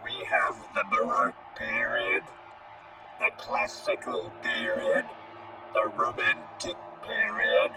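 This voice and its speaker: A man's voice: very high-pitched, wildly swooping pitch, slow pace, recorded from a distance, loud music behind the voice, exaggerated voice, low-quality recording. A man voicing a whispering, formal male guide of a time machine in an audio drama. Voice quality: whispered, breathy. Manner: polite announcer tone.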